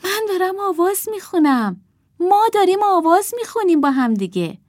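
A woman reading a storybook aloud, voicing a gentle, content young girl who speaks soothingly. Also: very high-pitched, sing-song, no room sound, studio quality, pitched above the performer's own voice. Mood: delighted. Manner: soothing, reassuring.

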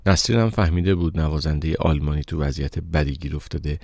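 A man narrating an audiobook story in a steady, even reading voice. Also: extremely low pitch, no room sound. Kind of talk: scripted narration.

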